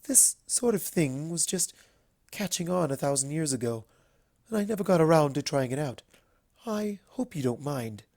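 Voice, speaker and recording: A narrator voicing a regal, reserved winged unicorn princess in a storybook reading, with formal, measured courtesy. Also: mid-range voice, expressive, darkish tone. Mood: formal, composed. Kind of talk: storybook character voice.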